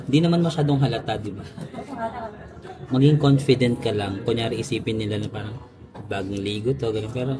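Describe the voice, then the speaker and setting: A young Filipino man with a Filipino accent, chatting playfully as he narrates a casual travel vlog. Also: mid-range voice. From Philippines. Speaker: travel vlogger.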